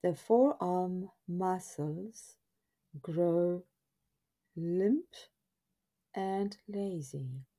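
Speaking in a soft, breathy half-whisper with a fairly low pitch, a woman narrates a scripted guided relaxation. Her delivery is soothing and hushed, with drawn-out phrases and pauses.

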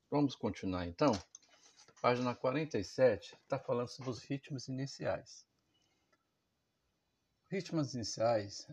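A man's voice: mid-range voice, slightly rough. A man teaching a music theory lesson, explaining patiently and often checking that his listeners follow.

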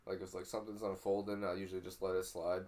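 A man's voice: low-pitched, level tone, fast, darkish tone. A young man co-hosting a podcast, chatting casually and laughing often. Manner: laid-back, laughs often. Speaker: podcast co-host. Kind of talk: casual chat.

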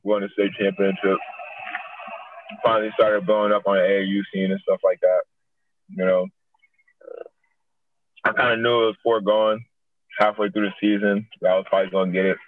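A man's voice: sits low, level tone, normal speed, pauses often, a little hiss or hum. A young man from upstate New York, a basketball player talking as a guest in a casual interview, laid-back and slangy. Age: young adult. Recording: dry, tinny phone-like line.

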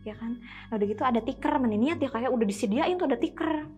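A woman's voice: a little high, fast talker, darkish tone, faint music behind. A young woman, telling a personal experience in a casual chatty way, often addressing her listener and acting out what people said. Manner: acts out quoted speech with sudden exclamations. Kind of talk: casual spoken storytelling. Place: podcast studio.

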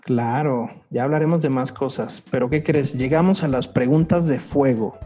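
A man with a Mexican accent hosting a casual podcast chat, playful and animated. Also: mid-range voice, normal speed. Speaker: podcast host.

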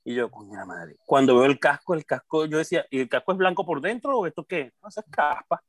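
A Venezuelan man co-hosting a podcast, rattling off his stories at a quick clip. He is animated, laughs a lot and throws in sound effects. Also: on the high side, no echo, clean studio sound. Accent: Venezuelan Spanish. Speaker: podcast co-host. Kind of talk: casual storytelling chat.

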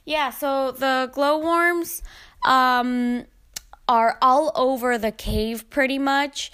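A woman chatting in a relaxed way about a trip, with fillers. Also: high voice, takes it slowly, clear, resonant tone. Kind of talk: casual travel chat.

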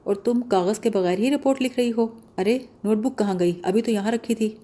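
A woman's voice: a little high, dark tone, lightly acted. A woman reading an audiobook voices an evasive young man, speaking in a teasing, offhand way.

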